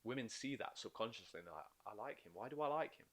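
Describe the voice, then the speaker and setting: This man's voice is fairly low and quick as he chats informally on a podcast in his role as a life coach. He gets animated, explaining eagerly in bursts and performing quoted inner voices.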